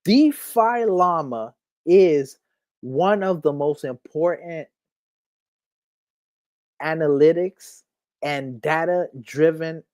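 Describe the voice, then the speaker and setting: An excitable crypto channel host walks viewers through a screen, stacking up "okay?" and "look at this right here" between points. The voice sits in a middling register. It comes across dry and close, with no room around it. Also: mid-range voice, slow pace, long pauses, no echo. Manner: hyped, keeps repeating "okay?" and "right here"; addresses viewers as "my people". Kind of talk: screen walkthrough commentary.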